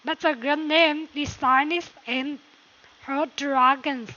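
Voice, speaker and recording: A woman teaching English pronunciation, reading a passage slowly and repeating words, then explaining quickly. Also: high-pitched, steady tone, pushed and bright. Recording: dull lo-fi recording.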